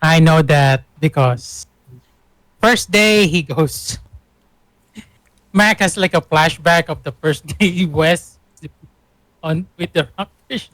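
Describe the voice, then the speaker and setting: A man playing a tabletop game talks slowly and wryly in a high voice. The sound is dry and close, with little room. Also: fairly bright tone, no room sound. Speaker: player. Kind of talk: casual tabletop game chat.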